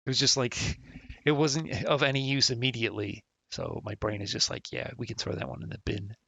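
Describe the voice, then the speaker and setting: Faint game music plays under this live puzzle-game stream, where a man thinks aloud and tries passwords, cursing and muttering as he works. His mid-range voice is brisk, gravelly and bright, with a forceful tone and no echo.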